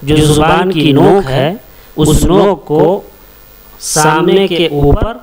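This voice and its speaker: An Arabic teacher with a fairly high voice gives a slow alphabet lesson, repeating each letter several times. He explains step by step where in the mouth each sound is made, while a loud crowd can be heard.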